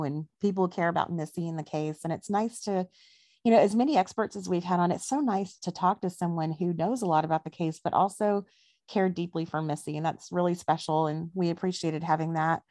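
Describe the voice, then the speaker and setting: A woman's voice: lowish voice, steady tone, a little fast, mellow, no echo. Chatty woman podcast host, dry sound. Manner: friendly, chatty, with frequent fillers. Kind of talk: casual conversational interview.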